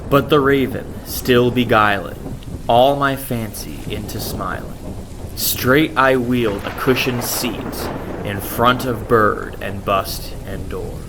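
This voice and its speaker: Slow, theatrical man reading over a storm. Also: mid-range voice. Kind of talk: dramatic poetry reading, gothic. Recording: noisy, with rain and thunder behind. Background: rain and thunderstorm ambience.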